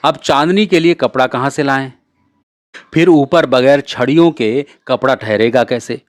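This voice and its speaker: A man narrating a classic short story in a measured, clear reading voice. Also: mid-range voice, no room sound, clean studio sound.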